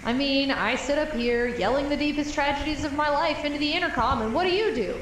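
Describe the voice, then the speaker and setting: An actress voices a jaded, sardonic young superstore employee, the lone survivor of an apocalypse, making bitter mock announcements over the intercom in an audio drama. Her sarcastic delivery is brisk, with a high, fairly bright voice. The intercom echoes and sounds distant with faint noise.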